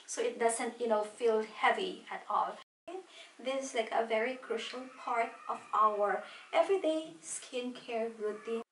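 Woman, thirties, beauty vlogger; chatty and step-by-step, high voice, roomy echo. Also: unhurried, far from the mic, a little hiss or hum. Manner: chatty, walks through each product step by step. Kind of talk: casual makeup tutorial. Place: small home room at a desk.

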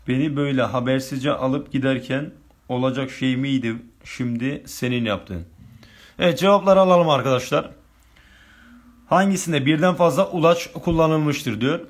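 A male teacher running an online grammar lesson, reading exam questions aloud and working through each answer step by step with his students. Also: mid-range voice.

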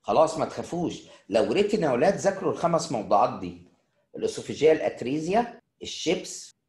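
Chatty Egyptian surgery lecturer, echoey. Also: male voice, a little high, very animated, quick pace, darkish tone. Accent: Egyptian Arabic. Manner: chatty, addresses students as kids, answers questions. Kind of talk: casual online lecture.

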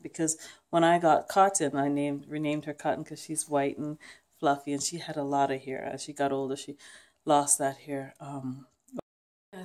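A woman speaks in a fairly low, soft-edged and mellow voice. She sounds sad and worn down, talking hesitantly and casually, as if confiding in viewers of a personal vlog. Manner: subdued, hesitant, halting. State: sad, emotionally weary. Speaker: vlogger. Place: wood-panelled basement room at home, indoors. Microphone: handheld camera at arm's length.

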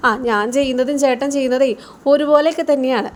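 Calm reasoning young husband, read by a woman narrator, quick delivery. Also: high-pitched, close to an everyday voice. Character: easygoing young married man.

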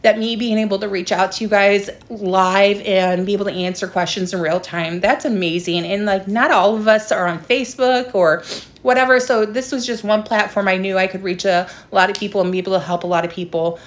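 A woman's voice: mid-range voice, steady tone, normal speed. A young adult woman talking informally and explaining a craft step by step in a casual livestream tutorial. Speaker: livestream host, craft seller. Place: small room indoors at home. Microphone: phone propped at arm's length.

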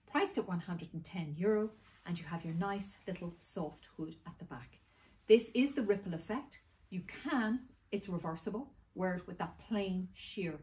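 A woman's voice: fairly low pitch, low-quality recording. A middle-aged woman with a slightly thick, sore-throat voice, giving a casual sales presentation to camera. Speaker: boutique presenter. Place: small clothing boutique, indoors. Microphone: phone camera a few metres away. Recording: steady background shop noise, phone video.

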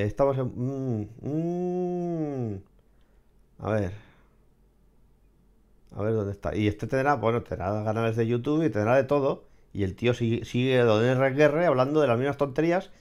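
Man, mid-pitched voice, sarcastic and blunt, vlog commentary. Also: a little mellow. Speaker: vlogger commenting on clips and AI tools. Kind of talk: casual commentary.

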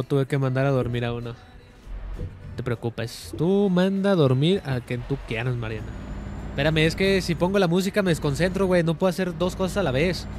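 Commenting casually on a driving game, this young male streamer bursts out with jokes and excitement. His voice sits fairly high and carries a Mexican Spanish accent.

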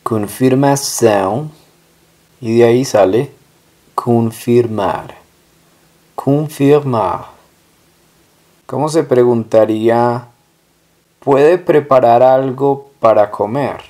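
Patient, slow-speaking male language teacher. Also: mid-range voice, warm tone. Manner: patient, drawn-out model words. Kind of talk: slow language lesson with repeated examples.

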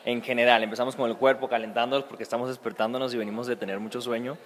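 A young man with a Venezuelan accent talks earnestly about his acting studies. His pitch sits in a middle range and he speaks with lively animation. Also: very fast. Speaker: acting student. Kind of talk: casual interview answers.

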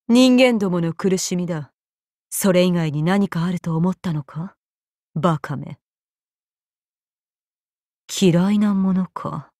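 A woman's voice: lowish voice, a little mellow, no room sound, clean studio sound. An actress playing a vengeful female gorgon monster in an anime game, imperious, cold and contemptuous. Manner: imperious, cold, contemptuous, deliberate archaic phrasing. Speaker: voice actor. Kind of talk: scripted anime game character lines.

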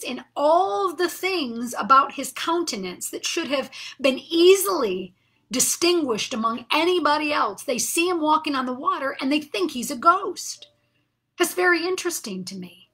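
A middle-aged woman giving an earnest Bible study talk, sometimes dropping to a soft half-whisper. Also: high voice. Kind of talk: devotional teaching talk.

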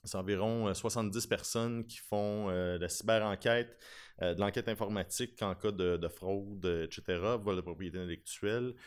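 This lowish, clean-toned male voice belongs to a lawyer in his thirties who specializes in digital forensics and speaks with a Québécois French accent. He talks fairly quickly at a lectern in a conference room, giving an informal, chatty presentation into a podium gooseneck mic with self-deprecating humour.

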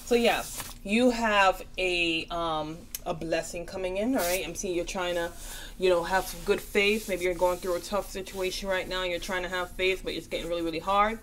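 A woman's voice: lowish voice, a little hiss or hum. A tired woman giving a casual tarot reading, chatty and reassuring, often checking in with "okay?". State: tired, yawning. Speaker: tarot reader.

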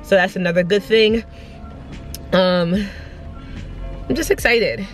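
A young woman recording herself in a car, excited and a little out of breath. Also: medium pitch, takes it slowly, soft background music. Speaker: vlogger. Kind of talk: casual vlog chat. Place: inside a parked car.

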